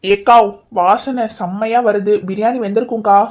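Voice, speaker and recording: A woman's voice: mid-range voice, steady tone, moderate pace, a little mellow, muffled recording, lightly acted. A woman voicing a bossy, cheeky young village woman who talks brash and teasing in a cartoon comedy. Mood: chatty.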